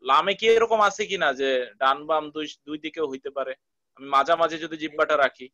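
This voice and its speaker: A man asking his teacher a question respectfully, with hesitant pauses. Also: on the high side, lively intonation, pushed and bright, no room sound, lo-fi sound. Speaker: student.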